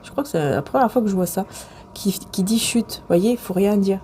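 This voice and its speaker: A woman talks straight to the viewer through a tarot reading, stopping often to hesitate and restart. Her voice is warm and mellow. A faint hiss sits under the recording. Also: mid-range voice, animated, fast. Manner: rambling and hesitant, full of fillers and restarts. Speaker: tarot and oracle card reader.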